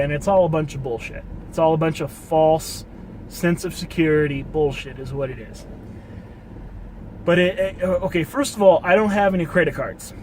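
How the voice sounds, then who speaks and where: A man's voice: a little high, darkish tone, a little hiss or hum, poor audio. A man in his late twenties talking casually in a rambling monologue, cursing freely and repeating himself as he works through a story. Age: 20s.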